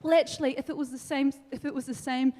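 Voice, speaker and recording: A young woman from New Zealand giving an energetic, animated debate speech, laughing between points. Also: high voice, fast. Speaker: debate speaker. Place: large council meeting hall. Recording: long hall reverb.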